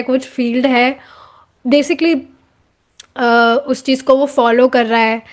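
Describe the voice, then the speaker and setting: In a high voice, a woman talks a class through a devotional book conversationally, mixing in English phrases and asking rhetorical questions of her audience.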